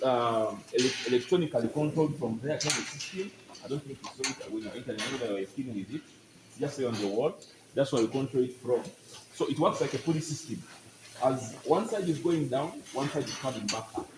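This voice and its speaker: A man guiding visitors through a dairy barn, explaining step by step and often checking that his listeners follow. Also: mid-range voice. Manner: explanatory, keeps checking "you get my point?". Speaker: farm guide. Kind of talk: explaining on a farm tour. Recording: noisy farm barn recording.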